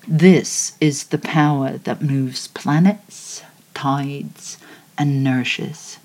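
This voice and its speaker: A woman leading a guided visualization meditation, speaking in a soothing, unhurried way. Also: extremely low pitch, fairly even intonation, darkish tone.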